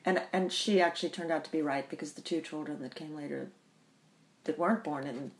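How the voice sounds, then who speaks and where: Low gravelly-voiced woman recalling family. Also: a little hiss or hum. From Bahamas. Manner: thoughtful, pausing often with ums. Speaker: interview guest. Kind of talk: reflective personal storytelling.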